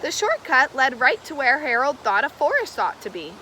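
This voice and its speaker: A woman reading a children's storybook aloud in an expressive storytelling manner, stressing key words. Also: high voice, normal speed, a little hiss or hum. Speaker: storybook reader. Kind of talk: children's read-aloud, scripted narration.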